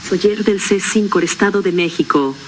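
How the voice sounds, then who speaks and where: A woman's voice: medium pitch, moderate pace, poor audio. A text-to-speech voice of a female security robot, stiff and announcer-like, played back from a clip. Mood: robotic. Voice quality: flat, stiff announcer-like delivery. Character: security robot woman with a synthetic voice.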